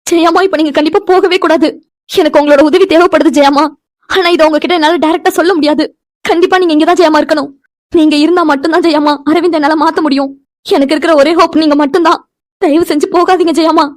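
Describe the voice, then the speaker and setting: A woman's voice: very high voice, fairly even intonation, fast, dry recording, clean studio sound. A woman voicing an earnest young woman in a cartoon who begs and pleads. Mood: pleading. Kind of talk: cartoon voice acting.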